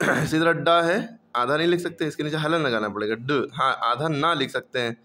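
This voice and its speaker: A man's voice: on the high side, fairly even intonation, normal speed, pushed and bright. Patient male English teacher. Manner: patient, drilling with repeated questions. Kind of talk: classroom phonics lesson.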